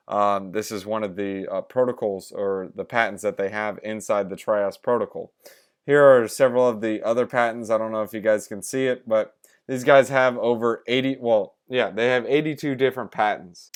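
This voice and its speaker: A man's voice: fairly low pitch, clear, resonant tone. A young man hosting a crypto review vlog like a crypto bro, talking informally with slangy asides and hype. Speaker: crypto channel host.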